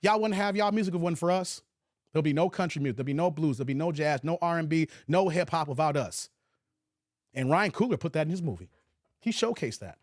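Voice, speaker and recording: An American man hosting his own channel gives opinionated livestream commentary in a fairly high voice, emphatically repeating his points and asking rhetorical questions. The sound is studio quality with no echo.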